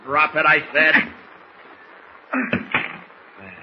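A bold, taunting superhero who sounds cocky and sure of himself. This is an old radio drama with a dull, muffled sound and clear background noise. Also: male voice, on the high side, animated, drawn-out words. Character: superhero in disguise, bold confident male fighter. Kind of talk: 1940s radio acting.

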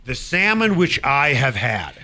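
A man's voice: medium pitch, very animated, unhurried, bright, forceful tone, a little hiss or hum. A man hosting a sports radio show in the studio, chatty and enthusiastic, also reading sponsor spots. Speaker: radio talk show host. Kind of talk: casual studio chat.

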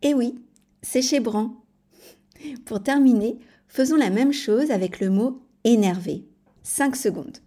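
Mellow-voiced woman teaching French. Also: a little high. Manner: clear, measured explanation with spelled-out examples. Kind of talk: scripted educational podcast.

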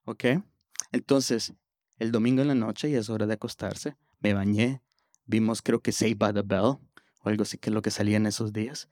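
A man telling a personal story on stage in a lively way, often stumbling over repeated words as he restarts. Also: lowish voice, normal speed, no room sound, studio quality. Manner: animated, with stammered restarts.

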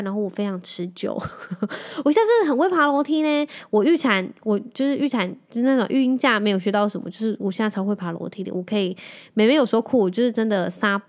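A woman in her thirties with a Taiwanese Mandarin accent hosts a casual podcast. She tells a long personal story in a lively, chatty way. She keeps turning to her listeners and speaking to them directly. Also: medium pitch. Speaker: podcast host.

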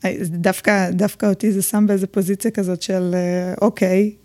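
A woman's voice: mid-range voice, little pitch movement, mellow. A woman guest on a podcast, talking casually and hesitantly, with many fillers. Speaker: podcast guest, learning and development manager. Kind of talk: casual conversation.

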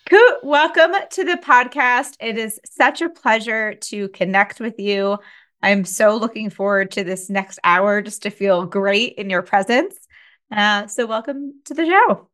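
A woman's voice: mid-range voice, unhurried, a bit bright. A woman hosting a wellness podcast, reading a scripted intro and welcoming her guest with upbeat enthusiasm. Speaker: podcast host.

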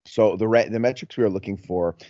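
A man's voice: on the low side, brisk, dry recording, lo-fi sound. A man chatting casually as a podcast co-host, often rephrasing as he works through a thought. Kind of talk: casual chat.

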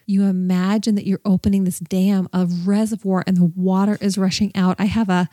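Brief: woman host, devotional podcast teaching, earnest and encouraging, mellow tone, dry close sound. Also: mid-range voice, level tone, normal speed, dry recording.

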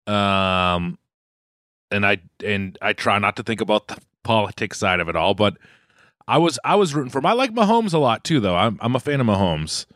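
A man's voice: lowish voice, very animated, normal speed, fairly bright tone, no echo, studio quality. A man with a Boston accent co-hosting a casual podcast chat, rambling with repeated words and frequent laughs. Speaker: podcast co-host. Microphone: headphones, remote call.

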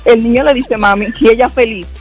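Older woman caller, brisk and firm. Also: on the high side, fairly even intonation, soft background music. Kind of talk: phoned-in radio comment.

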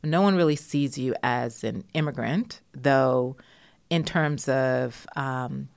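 A woman from Jamaica with a low voice talks through her answers, pausing on fillers and laughing now and then. The sound is dry and close, with no room echo. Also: gravelly, darkish tone. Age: adult. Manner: thoughtful, with frequent laughter and fillers. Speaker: interviewee. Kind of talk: conversational interview.

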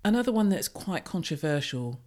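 A podcast host with a British accent talking through pet peeves in a casual solo monologue, blunt and self-mocking, with a naturally loud voice. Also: medium pitch, sing-song, brisk. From United Kingdom.

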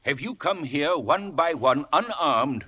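A stern sea captain in a 1950s radio drama. The voice is bright and a little high, with clipped authority. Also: male voice, lively intonation, unhurried, slightly rough, full character voice.

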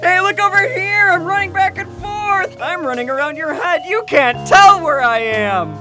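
A man's voice: very high voice, normal speed, pushed and bright, soft background music. A playful, teasing man whose voice is panned back and forth from the left ear to the right ear as he hosts an audio drama podcast. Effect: voice panned side to side between left and right ears. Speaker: podcast host reading credits.

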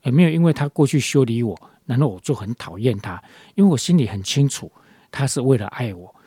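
A man's voice: medium pitch, lively intonation, fairly quick, mellow, breathy edge, no echo. A man leading a casual devotional talk, rambling with many fillers and restarts. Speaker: devotion leader.

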